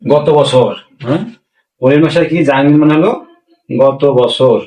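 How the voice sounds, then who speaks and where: A man teaching a language class, asking rhetorical questions and slowly repeating words for learners. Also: mid-range voice, warm tone. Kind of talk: classroom-style language lesson. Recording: echoey room, voice a bit far from mic.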